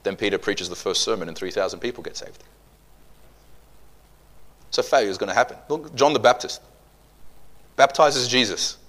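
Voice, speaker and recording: Animated, joking male preacher. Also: on the low side, normal speed, pauses often. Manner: animated and joking, jumping between loud bursts and quiet asides. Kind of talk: sermon.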